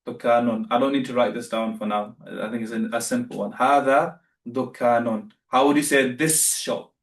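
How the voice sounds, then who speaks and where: A man's voice: mid-range voice, fairly even intonation, quick pace, reverberant, far from the mic. A man teaching beginner Arabic in a live online class, patient and repeating himself as he corrects students.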